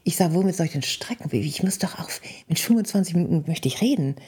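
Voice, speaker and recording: A woman's voice: fast, husky. A woman, a wedding officiant, telling wedding anecdotes in a casual chat, acting out dialogue in a raised voice and dropping to whispers. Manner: lively storyteller, acts out dialogue in a high voice, drops to whispers.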